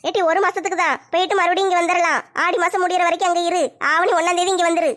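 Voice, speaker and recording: A woman's voice: very high-pitched, flat delivery, racing, fairly bright tone. A woman playing a doting, tearful mother-in-law in a comedy skit, fretting and pleading with a southern Tamil Nadu accent. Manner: fretful, pleading.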